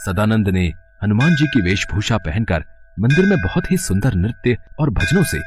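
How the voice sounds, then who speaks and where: A man doing a humble gentle village priest. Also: on the low side, very animated, normal speed, background noise.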